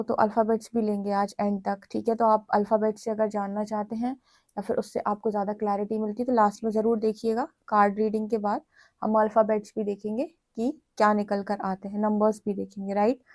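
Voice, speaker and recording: A woman's voice: medium pitch, dark tone, no room sound. A woman with an Indian accent giving a tarot reading to her viewers, speaking in chatty, direct Hinglish. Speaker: tarot reader.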